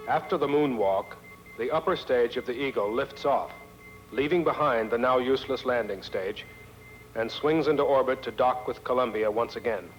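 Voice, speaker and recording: A man's voice: medium pitch, moderate pace. A man reading scripted narration for a documentary, on a muffled archival film soundtrack. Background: music.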